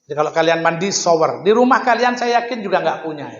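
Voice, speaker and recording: A man's voice: on the high side, lively intonation, quick pace, slight background noise. A middle-aged man with a manner, telling stories and asking students rhetorical questions in an informal lecture. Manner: chatty storytelling with rhetorical questions. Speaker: pesantren leader giving a public lecture. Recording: echoey hall, dull lo-fi.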